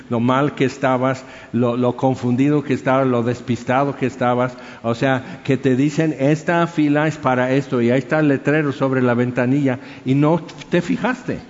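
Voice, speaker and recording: Preacher in a reverberant hall. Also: male voice, medium pitch, darkish tone. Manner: conversational, asks many rhetorical questions. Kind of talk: sermon. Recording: dull sound with long hall reverb.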